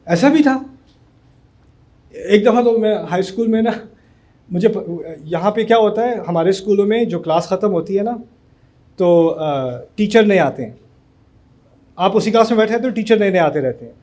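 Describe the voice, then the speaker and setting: A man from Pakistan speaks to a university audience in a loose, storytelling way. His voice sits fairly high for a man. He slips English words into the flow as he talks. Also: lively intonation, pauses often, dark tone. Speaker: speaker addressing university students. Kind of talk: motivational talk.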